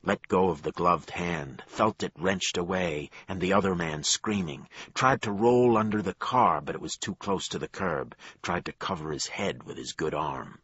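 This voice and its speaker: A man narrating a crime thriller audiobook in a measured storytelling voice. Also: fairly bright tone, breathy edge, no echo, dull audio. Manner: low, measured storytelling with acted dialogue.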